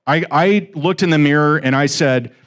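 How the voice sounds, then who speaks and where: A guest speaker at an investor meetup, a man in his forties, talks informally to a live audience in a room. His voice is fairly high and a bit bright, at a moderate pace, and he's chatty and joking, teasing listeners in asides.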